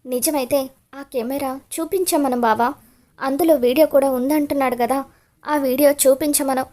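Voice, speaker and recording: A woman's voice: high-pitched, fairly even intonation, normal speed, dark tone, natural voice. A woman voicing a scheming wife who pleads and pretends to cry. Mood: pleading. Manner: pleading, fake tearful.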